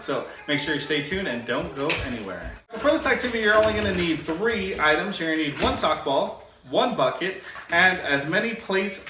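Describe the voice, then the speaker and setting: A man's voice: high voice, very echoey, far from the mic. A man who is a PE teacher, coaching a home workout and explaining a game in an upbeat, encouraging way, out of breath.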